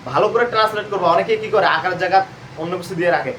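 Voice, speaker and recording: High-voiced Bangladeshi Bengali teacher, echoey room. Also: male voice, fast, fairly bright tone, distant mic. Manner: repetitive quizzing, asks and answers own questions. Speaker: admission coaching teacher. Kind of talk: live online lesson. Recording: roomy echo, voice off-mic, faint hum.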